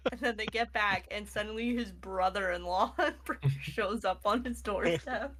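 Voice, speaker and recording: A woman's voice: medium pitch, unhurried, husky. Wry woman at a game table. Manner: wry, laughing easily. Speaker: player. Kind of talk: casual tabletop chat.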